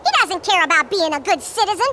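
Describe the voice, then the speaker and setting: Tiny male chipmunk for a cartoon game: piercingly high, squeaky, cheerful, excitable, lively swoops. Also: quick pace, a little hiss or hum, exaggerated voice. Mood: explaining. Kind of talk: animated video game voice acting.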